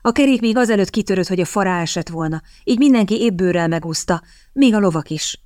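A woman's voice: mid-range voice, lively intonation, a little mellow, no echo, studio quality, lightly acted. A woman reading the lines of a tearful, stubborn young lady in a plaintive tone.

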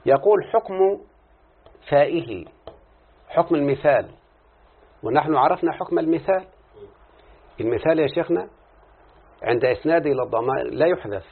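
A man's voice: a little high, lively intonation, a little fast, pauses often, slightly rough. A man with an Egyptian accent teaching a lesson as a sheikh, who keeps asking his students questions, answers them himself and switches between classical and colloquial speech. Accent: Egyptian Arabic. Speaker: sheikh teaching Arabic morphology. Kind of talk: recorded lesson. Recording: tinny phone-like lo-fi audio.

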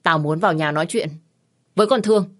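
A woman voicing a loud, quarrelsome woman over fifty who shouts and wails theatrically in an audio story. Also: quick pace, lightly acted. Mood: furious. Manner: shrill, wailing, theatrical ranting.

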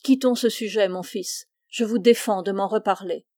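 Femme lisant une mère âgée implacable, ton sec et autoritaire, voix chaude, prise sèche. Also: female voice, medium pitch, normal speed, dark tone, dry recording, clean studio sound, close to an everyday voice. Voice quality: cold, commanding. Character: stern devout aristocratic mother, older woman.

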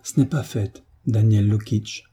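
A timid, trembling wife gives short, meek answers in a slightly raised, husky voice, as a male narrator puts her on. The audiobook reading stays dark and soft. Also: on the low side, fairly even intonation, unhurried. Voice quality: hesitant and meek.

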